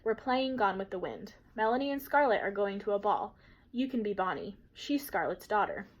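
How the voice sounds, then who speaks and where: A woman's voice: mid-range voice, animated, moderate pace, lightly acted. Woman reading as an impatient older sister.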